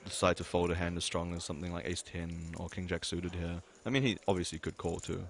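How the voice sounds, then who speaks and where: A man's voice: low-pitched, little pitch movement, a little fast. A man giving expert poker commentary, hedging his points with lots of fillers and restarts. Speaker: poker analyst.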